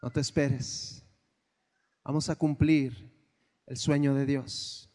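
A man preaching a sermon, swinging from hushed lines to shouts. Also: medium pitch, little pitch movement, slow pace. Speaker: pastor. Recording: long hall reverb.

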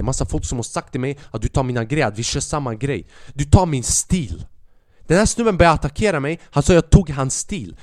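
A young man, a comedian and podcast host, telling a story in a casual, animated way, swearing often and acting out what people said. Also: on the high side, no echo, clean studio sound. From Sweden. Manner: animated, swears a lot, acts out quoted lines.

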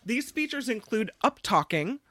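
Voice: medium pitch, very animated, moderate pace, a bit bright, no echo, studio quality. A radio co-host reading news items in a chatty, conversational way. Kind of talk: casual news banter.

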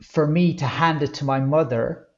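A man with a Kerry accent from the west of Ireland, telling personal stories as a podcast guest, haltingly and with words repeated for emphasis. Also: a little high, steady tone, highs cut off. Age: 30s or older. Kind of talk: candid personal storytelling in conversation.

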